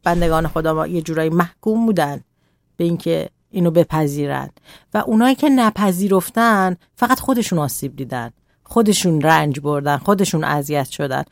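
Calm woman explaining on radio. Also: sits low, no room sound, clean studio sound. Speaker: radio guest psychologist. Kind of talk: radio talk on parenting.

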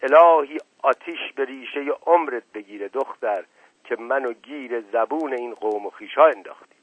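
A man's voice: mid-range voice, dry recording, voice pushed up, close to an everyday voice. A man voicing an older mother who shrieks curses in furious outbursts. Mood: outraged. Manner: cursing, wailing outbursts. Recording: tinny phone-like, dry.

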